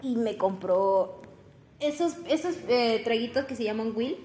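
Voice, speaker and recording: A woman's voice: a little high, expressive, a little slow, mellow, a little hiss or hum. Chatty young woman telling gossip. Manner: chatty, laughs often, rambling with restarts. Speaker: podcast co-host telling a story. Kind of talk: casual gossip chat.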